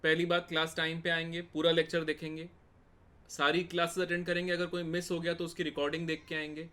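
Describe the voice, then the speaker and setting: A young Indian man with an Indian accent giving a live online chemistry exam-prep lecture, chatty and informal, speaking loudly and greeting viewers as he teaches. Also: fairly high pitch. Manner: loud, forceful delivery.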